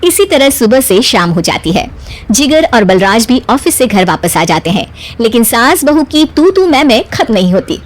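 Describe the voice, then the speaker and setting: A woman's voice: a little high, sing-song, moderate pace. A woman narrator reading a scripted comic cartoon story as storytelling.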